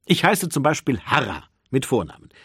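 A man voicing a calm, patient male wolf-like creature who is a teacher, explaining in an audiobook. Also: mid-range voice, normal speed, breathy edge, no room sound, studio quality, heavily acted.

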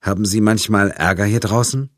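A composed female FBI agent, direct and matter-of-fact, as a male narrator puts her on. His voice is lifted somewhat above his own deep register, and the close, dry recording of an audiobook is unchanged. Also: steady tone, brisk, fairly bright tone, no echo, natural voice. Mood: calm. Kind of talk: audiobook character voice.

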